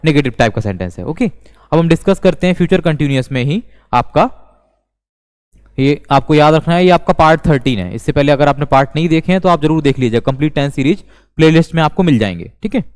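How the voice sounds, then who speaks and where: A man teaching an English grammar lesson, speaking slowly and deliberately and repeating each example sentence. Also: on the high side, animated. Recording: long reverb.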